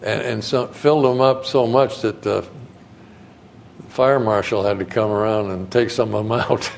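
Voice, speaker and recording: Gravelly older man preaching a sermon. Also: fairly low pitch, fairly even intonation, unhurried, slight background noise. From Connecticut, New England. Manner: conversational, folksy storytelling with soft chuckles. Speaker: guest preacher.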